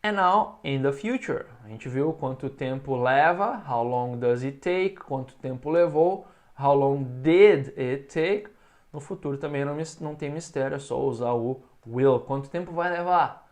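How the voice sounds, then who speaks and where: Man teaching English, slow repeated phrases. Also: mid-range voice. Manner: explains in Portuguese, models English phrases slowly for repetition. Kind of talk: recorded online English lesson.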